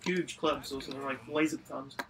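A man's voice: medium pitch, steady tone, a little fast, far from the mic, noisy background. A man chatting with a friend during a gaming session and tossing out ideas. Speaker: co-player friend. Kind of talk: casual gameplay chat.

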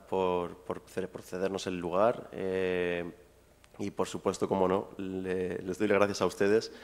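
A man's voice: low-pitched, clean tone. A man giving a public lecture to a live audience, chatty and informal, with asides to the people in the room. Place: university lecture hall with audience. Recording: long hall reverb.

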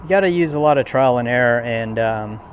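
A man's voice: medium pitch, fairly quick, a little hiss or hum. A young man giving casual commentary from a small boat outdoors, thinking aloud with many fillers. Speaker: fishing vlogger. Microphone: action camera on the boat.

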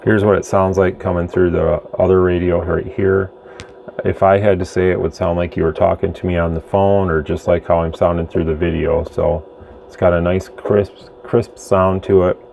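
Seated at his indoor workbench, a radio bench reviewer and channel host gives a casual, plain-spoken, rambling product demo. His low voice barely moves in pitch, runs at a moderate pace, and is slightly mellow with vocal fry. Faint background noise and room ambience are audible.

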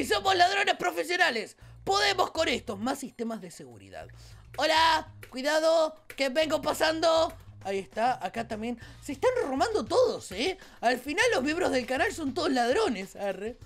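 A woman with a Rioplatense Spanish accent hosting a Let's Play, with excitable, playful, exclamatory commentary. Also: high voice. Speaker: gaming channel host.

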